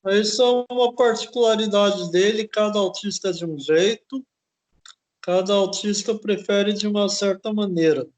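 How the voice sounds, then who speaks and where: A man hosting an interview, explaining at length in a halting way and often tagging his phrases with a questioning "né?". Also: high voice. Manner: slow, halting, ends phrases with "né?". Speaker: host.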